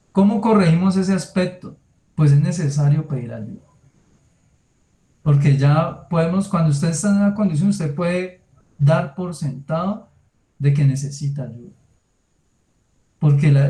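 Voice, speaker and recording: A man preaches in a church, speaking straight to his listeners in a conversational tone. His voice sits a little high but sounds mellow and soft. The room adds clear echo around him. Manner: tells lively personal anecdotes with sound words. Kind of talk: sermon. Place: church hall. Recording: echoey room.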